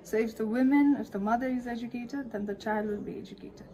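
A woman's voice: a little high, quick pace, noisy background. A young woman from Nepal with a Nepali accent, answering interview questions hesitantly and searching for words. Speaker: social institute director.

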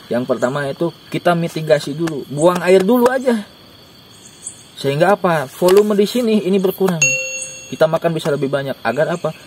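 A young man giving joking, animated camping tips outdoors in a dark forest at night, recorded by a camera a few steps away. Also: on the high side, a little fast, background noise. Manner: joking, animated, gestures while talking. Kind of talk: casual outdoor interview. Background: faint insects and crickets.

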